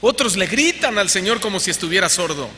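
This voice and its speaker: A man's voice: high-pitched, expressive, a little fast, sharp tone. A man with a Mexican Spanish accent preaching a sermon to a congregation, asking them questions and mocking the voices of the people he quotes. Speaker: pastor. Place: church hall. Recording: church hall reverb, faint background noise.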